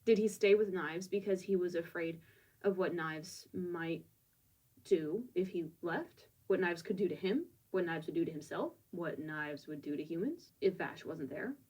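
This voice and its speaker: A woman's voice: fairly low pitch, darkish tone, recorded from a distance, poor audio. A woman reviewing a manga, recapping scenes in a reflective, musing way with casual asides.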